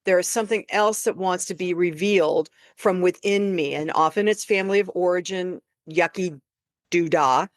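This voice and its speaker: A woman podcast host speaks in a reflective, affirming way and sometimes restarts her sentences. Her voice is a little low, recorded close and dry. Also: normal speed, no echo. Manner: affirming, thoughtful, some restarts. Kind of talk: reflective conversational talk.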